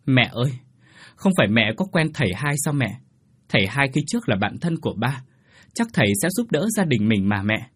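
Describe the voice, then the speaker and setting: Man voicing a pleading young wife, soft and husky. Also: mid-range voice, sing-song, fairly quick, dry recording.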